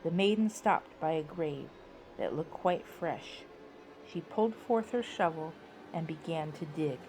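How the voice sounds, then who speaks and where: A woman storyteller with a low voice narrates in a playful, spooky way. She shifts from hushed, suspenseful phrases to sudden dramatic swells. There is some ambient noise behind her. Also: low-quality recording.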